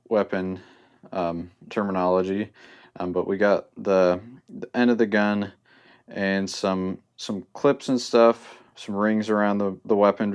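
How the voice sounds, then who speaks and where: A man's voice: lowish voice, clear, resonant tone, lo-fi sound. Rambling young man explaining a hobby craft. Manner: loose and rambling, many ums and restarts. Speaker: hobby tutorial host. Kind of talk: casual spoken tutorial.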